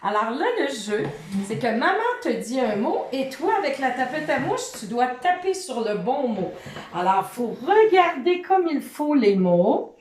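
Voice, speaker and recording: A woman giving a reading lesson to a child, in a sing-song voice, sounding out letters and syllables slowly. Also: high voice, big pitch swings, a little mellow, reverberant, slight background noise.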